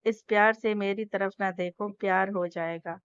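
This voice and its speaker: A woman's voice: medium pitch, steady tone, moderate pace, clear, resonant tone, lightly acted. A woman voicing a cocky, teasing young husband who talks smugly, in a storybook reading. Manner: smug, teasing. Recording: dull lo-fi dry recording.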